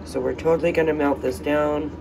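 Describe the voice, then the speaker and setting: A man's voice: a little high, fairly even intonation, fairly quick, creaky. A man chatting casually in a soap-making vlog at home, thinking aloud with fillers as he goes. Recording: distant mic, air-conditioner hum.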